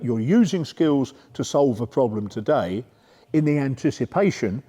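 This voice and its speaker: A man's voice: mid-range voice, warm tone. A middle-aged man giving a conversational coaching workshop talk, often checking in with "yeah?". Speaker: sport psychology speaker. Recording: reverberant lecture room.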